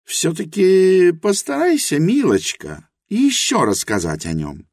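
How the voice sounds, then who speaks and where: A proud and passionate young woman, put on by a man in an audiobook reading, pitched far above his own low voice. She speaks slowly and earnestly, the pitch swooping widely from line to line. The sound is close and dry. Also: huge pitch swings, darkish tone, no echo, exaggerated voice. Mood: tender.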